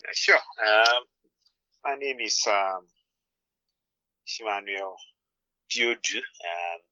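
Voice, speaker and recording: A middle-aged man from Ghana answering questions in a measured, thoughtful way. His voice is very deep but bright and forceful, and the recording sounds dull and lo-fi. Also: no echo. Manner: measured, repeats words while searching. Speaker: interview guest. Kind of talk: conversational interview answers.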